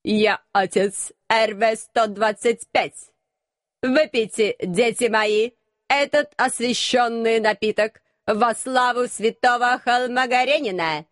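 A woman voicing an old male robot abbot who speaks in a slow, solemn, metallic grating voice. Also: fairly high pitch, no echo, studio quality. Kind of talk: audiobook character reading.

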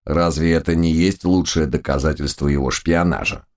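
A rumbling low, slightly mellow male voice with fairly even intonation brings to life three dim, self-important raccoon judges from a holy order in an audiobook. Every drawn-out, sermonizing line begins with a solemn "O."

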